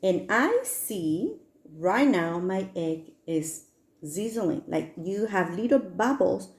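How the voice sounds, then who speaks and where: A woman's voice: fairly low pitch, lively intonation, slow. A woman with an upbeat, sing-song children's presenter manner, guiding young kids step by step through a science demonstration. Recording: echoey room.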